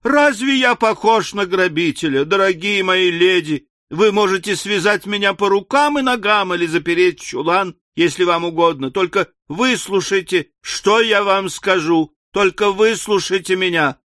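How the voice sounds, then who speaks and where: A man voicing a stout, earnest middle-aged English gentleman in an audiobook, pleading and emphatic. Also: fairly high pitch, expressive, slow, no echo, clean studio sound. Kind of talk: audiobook character reading.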